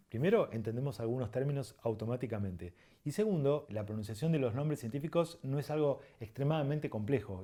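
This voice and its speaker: A man gives an instructional lesson. His voice is mellow and warm, pitched in the middle range. He explains patiently, repeating examples slowly and pausing to check that the listener follows. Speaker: birding instructor.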